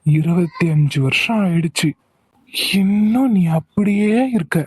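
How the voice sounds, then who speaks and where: A gentle middle-aged cartoon husband voiced by a man, calm and affectionate. His voice is mellow and slightly husky, and the sound is dry. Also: high voice, unhurried, no room sound. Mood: fond. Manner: mild, affectionate. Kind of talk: cartoon voice acting.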